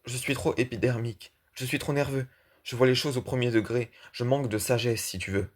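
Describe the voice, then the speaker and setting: A man's voice: mid-range voice, fairly even intonation, fairly quick, close to an everyday voice. A man voicing an irritable, blunt middle-aged man in an audiobook reading of a play, talking in a brooding, argumentative way. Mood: prickly.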